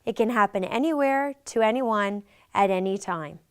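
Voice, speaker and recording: A middle-aged woman narrating a scripted training demonstration in a clearly enunciated, instructional manner. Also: medium pitch, normal speed, no echo, studio quality. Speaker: instructor, presenter.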